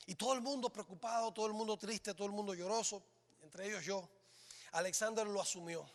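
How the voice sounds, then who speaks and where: High-voiced dramatic male preacher. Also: a little fast. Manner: dramatic, swings between loud exclamations and hushed lines. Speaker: pastor. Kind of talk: sermon. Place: church. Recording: reverberant church hall.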